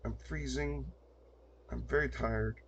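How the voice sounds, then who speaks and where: A man's voice: medium pitch, steady tone, slow pace, vocal fry, dull audio, slight background noise. An older man giving casual gameplay commentary, muttering to himself as he plays at a desk mic. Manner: muttering to himself while playing. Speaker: gameplay streamer.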